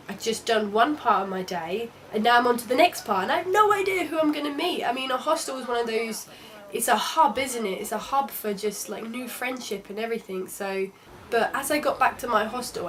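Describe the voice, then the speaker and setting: A woman's voice: medium pitch, fairly bright tone, slight background noise. Chatty young woman. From London. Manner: chatty and candid, with frequent restarts. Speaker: travel vlogger. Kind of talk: casual travel vlog narration.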